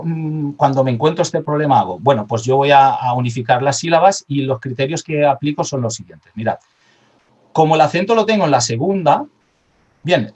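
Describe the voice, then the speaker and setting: A man's voice: mid-range voice, a little mellow, highs cut off. A man giving a lecture on conducting, explaining step by step with frequent fillers and restarts and singing syllables as examples.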